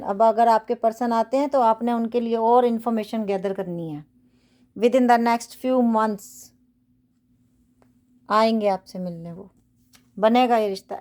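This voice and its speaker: This tarot reader's voice is a little high with a darkish tone. Sitting in her bedroom with cards spread on the bed, she gives viewers a casual reading, speaking earnestly and preachily, repeating herself and slipping in English affirmations.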